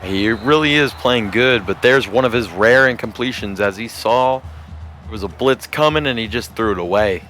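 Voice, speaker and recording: A man giving play-by-play commentary on a video game football stream, measured and steady, rising to shouts on big plays. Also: fairly low pitch, faint music behind. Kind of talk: sports commentary.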